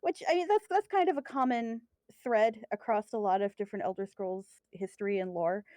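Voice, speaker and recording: A woman's voice: medium pitch, brisk, mellow, no room sound. A woman with a Midwestern accent chatting casually on a podcast, rambling and self-deprecating with frequent laughs. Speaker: co-host guest.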